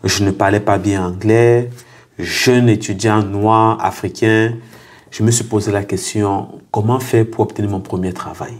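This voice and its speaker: Young man, low-pitched, earnest, repeats himself for emphasis, interview guest. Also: steady tone, unhurried. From Cameroon. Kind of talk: casual interview, telling his story.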